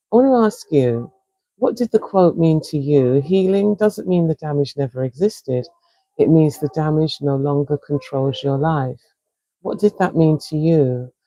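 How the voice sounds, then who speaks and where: A woman from England with a South London accent talks slowly and soothingly as a wellness coach, guiding viewers through a breathing exercise on a live stream. Her voice is mellow and soft-edged, recorded dry and close on a phone or webcam with no room sound. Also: low voice, no room sound, rough recording. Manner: slow, soothing and encouraging.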